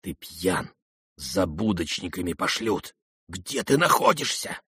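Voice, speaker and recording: A man's voice: deep voice, very animated, a little slow, pushed and bright, breathy edge, no room sound, full character voice. A man voicing an alarmed man who whispers urgent warnings.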